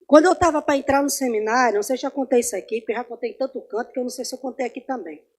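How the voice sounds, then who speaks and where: Woman, high voice, chatty Bible class teacher who quizzes her class. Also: very fast. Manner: conversational, asks the class questions, swings between loud and soft. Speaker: Sunday school Bible teacher. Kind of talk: informal Bible class teaching with personal stories. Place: church.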